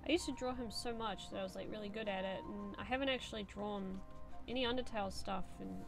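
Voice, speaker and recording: Over background music, this young adult streamer talks fast in a medium-pitched, creaky voice as she draws. Reading chat aloud, she wanders from point to point, leaning heavily on "um" and "like."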